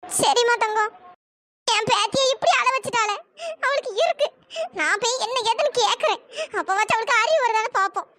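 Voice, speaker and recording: A sharp-tongued old grandmother in a cartoon story, voiced by a performer. She coaxes softly, then scolds loudly, always in a very high, bright voice. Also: fairly quick, slight background noise. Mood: tender coaxing. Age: older. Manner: scolding, shouting.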